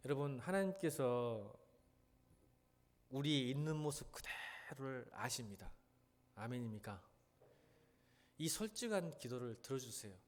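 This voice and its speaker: Animated middle-aged male pastor preaching. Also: medium pitch, a little slow, pauses often. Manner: lively, conversational preaching with playful acted quotes and rough slang. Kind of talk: sermon. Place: church sanctuary.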